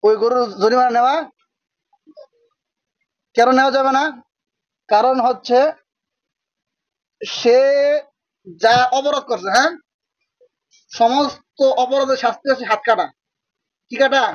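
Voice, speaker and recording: A man teaching a religious-school class, quizzing students and repeating their answers, sometimes dictating slowly. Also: very high-pitched, fairly even intonation, dry recording, dull audio. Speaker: madrasa teacher. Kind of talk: classroom lecture with call-and-response questions.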